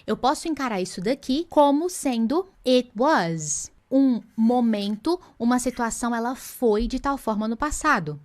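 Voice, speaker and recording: A woman teaches English pronunciation in a relaxed online lesson. Her voice sits slightly high. She explains patiently, then slows down and stretches out the English example phrases word by word.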